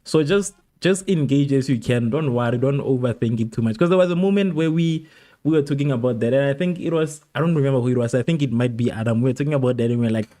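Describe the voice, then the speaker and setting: A man from South Africa hosts a live watchalong stream, chatting casually with his viewers. His voice sits in a mellow, middle register, and he laughs often and repeats phrases as he reads and answers comments. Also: medium pitch, quick pace. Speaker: livestream host.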